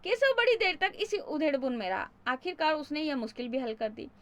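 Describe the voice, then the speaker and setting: High-voiced woman teacher explaining a story. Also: fairly quick. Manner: reads a passage, then explains it in simpler words; lively reading that voices the children's lines. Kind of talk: reading a story aloud and explaining it for school pupils.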